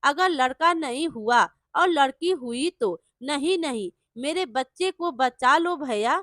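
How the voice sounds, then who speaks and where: A woman voicing an anxious young village wife in a storybook tale, soft and downcast. Her voice is high and bright, the pace slow, close and dry. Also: expressive, no room sound, heavily acted.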